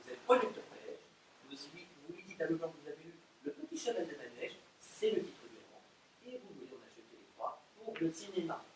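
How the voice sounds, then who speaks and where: A man's voice: a little high, sing-song, brisk, pauses often. An actor playing an impatient, condescending man in a stage play, recorded from far off in a very roomy theatre. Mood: scheming. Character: exasperated, scheming, haughty man. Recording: very roomy stage audio from far off, faint noise.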